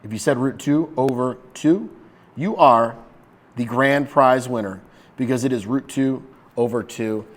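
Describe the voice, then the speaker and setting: A man's voice: medium pitch, unhurried. A man teaching a math lesson in a casual, upbeat way, talking straight to his viewers. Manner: upbeat, chatty, talks to viewers directly.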